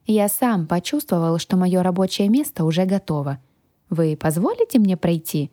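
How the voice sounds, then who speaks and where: A woman voicing a touchy, haughty male genie who has come to work as a cook, speaking in a slow, offended drawl. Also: lowish voice, animated, warm tone, no echo, studio quality, natural voice. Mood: indignant. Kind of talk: audiobook character voice.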